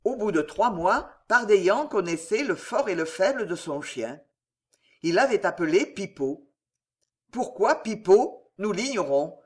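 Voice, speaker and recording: An audiobook narrator reads a classic novel in a measured storytelling manner. The voice sits at a middle pitch. The intonation moves widely and stays expressive.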